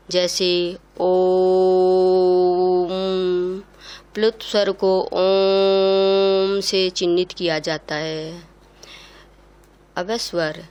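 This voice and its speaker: A woman teaching a class, slowly spelling out each sound one at a time. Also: mid-range voice, clean tone. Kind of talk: classroom lesson.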